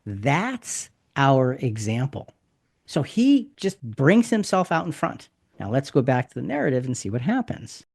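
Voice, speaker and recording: A man's voice: mid-range voice, sing-song, a little slow, vocal fry, a little mellow, dry recording. Man hosting a bible study podcast, stresses words hard, dead dry mic. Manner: emphatic, explanatory, repeats key points. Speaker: podcast host.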